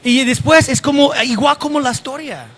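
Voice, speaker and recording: A pastor preaching a sermon and often asking the congregation direct questions. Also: male voice, very high-pitched, moderate pace, fairly bright tone.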